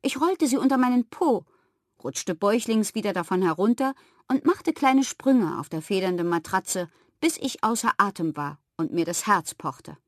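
A woman reads a first-person children's story aloud with lively, expressive pitch that rises and falls with the scenes. Her voice sits at an ordinary middle height. The recording is dry and close. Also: moderate pace, no echo. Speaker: audiobook reader.

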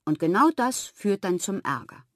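A woman voicing a calm, patient father in a children's storybook, explaining things gently. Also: medium pitch, moderate pace, no room sound, studio quality, natural voice.

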